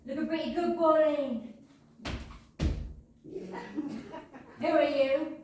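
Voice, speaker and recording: In a very echoey theatre, a woman plays a blunt gangster man. The voice is high, cocky and menacing, projected for stage comedy from far off the mic. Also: fairly even intonation, normal speed, darkish tone, highs cut off, lightly acted. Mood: brusque, puzzled. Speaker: stage actor in a comedy play. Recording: echoey theatre, distant mic, faint noise.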